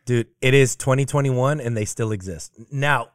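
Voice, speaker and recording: A man's voice: medium pitch, moderate pace, no echo, studio quality. A man hosting a casual podcast with old friends, joking around and breaking into bits of song. He grew up in Germany. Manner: animated, joking, breaks into sung snippets. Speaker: podcast host.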